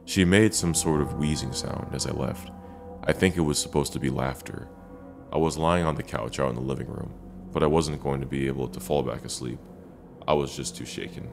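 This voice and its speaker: Casting: male horror storyteller, extremely low gravelly voice, dramatic and deliberate, over faint music. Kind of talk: first-person scary story narration.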